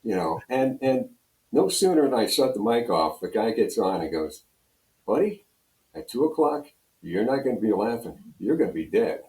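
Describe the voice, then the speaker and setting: An older American man from Pennsylvania, a guest in an interview, rambles casually through radio stories and acts out snippets of dialogue. His voice is fairly low, sing-song and dark, moving at a normal speed. The recording sounds roomy and echoey.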